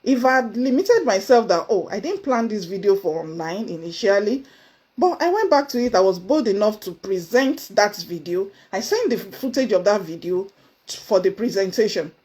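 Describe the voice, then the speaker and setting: This motivational speaker, a Nigerian woman, addresses the camera from a seat indoors at normal speed, her voice slightly rough. Earnest and emphatic, she stays lively throughout and now and then bursts into sudden high exclamations.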